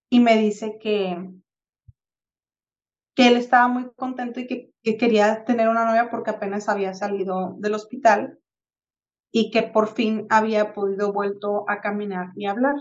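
Speaking unhurriedly with long pauses, a woman with a mid-range voice tells a reflective everyday story as a podcast co-host, animatedly acting out the people she quotes. She's a Mexican woman in her thirties from Tijuana, chatting casually over a muffled recording.

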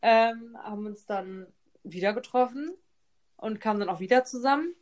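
Chatty woman with a high voice. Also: normal speed, darkish tone. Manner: chatty, peppers talk with "ne?" tag questions. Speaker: podcast co-host. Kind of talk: casual storytelling chat.

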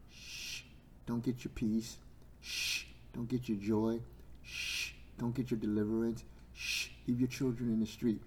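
A man's voice: medium pitch, mellow, lightly acted. A man doing hissing, shushing church scolds. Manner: hissed shushing, half-whispered. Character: hushing, disapproving churchgoers, scolding and stern.

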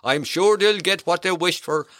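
A kindly old Santa Claus with a lilt, played by a man, sending rambling, folksy greetings. His voice sits high for a man. The sound is close and dry, with no room in it. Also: moderate pace, no echo. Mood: cheery. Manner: folksy, rambling, warm greetings, hearty ho-ho laughs. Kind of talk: in-character radio greetings.

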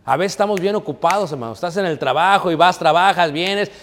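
High-voiced pastor preaching. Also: male voice, quick pace, a bit bright, in a large hall, slight background noise. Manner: conversational, asks the congregation to finish verses. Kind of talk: sermon.

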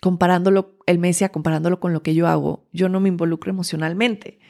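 A woman's voice: fairly low pitch, steady tone, quick pace, creaky, a little mellow. A woman, a podcast host and teacher, telling a personal story in an earnest, confiding way with many fillers and restarts.

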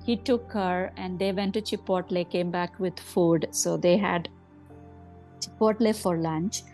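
Soft-spoken mother remembering. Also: fairly low pitch, fairly even intonation, faint music behind, low-quality recording. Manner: halting, soft, acts out remembered dialogue. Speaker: grieving mother interviewee. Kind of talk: personal recollection.

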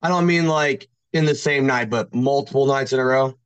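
In a casual podcast conversation, a man tells personal stories, rambling and unsure, with "like" scattered everywhere. He has a medium-pitched voice at a normal speed, and the sound is clean without any room noise.

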